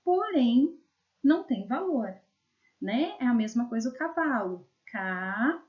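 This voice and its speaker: A woman's voice: high voice, very animated. Brazilian woman teaching, slightly muffled audio. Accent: Brazilian Portuguese. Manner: explanatory, frequent tag "né?", sounds out words slowly syllable by syllable. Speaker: teacher, educational psychologist. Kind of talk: video lesson explaining slides.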